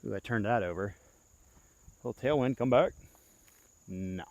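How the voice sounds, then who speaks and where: A young man outdoors on a disc golf course, talking casually through his throws, excitable and often yelping at shots, winded and tired as he plays. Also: fairly low pitch, unhurried, lo-fi sound, a little hiss or hum. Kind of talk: casual play-by-play commentary.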